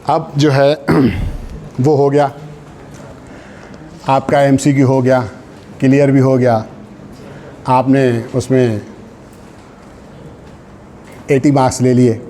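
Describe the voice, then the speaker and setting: A man with a Pakistani accent, from Sindh, coaches students informally for exams in a classroom lecture, mixing in English terms and phrases and checking in with short tags. His medium-pitched, mellow voice stays level and slow with long pauses, over slight background noise.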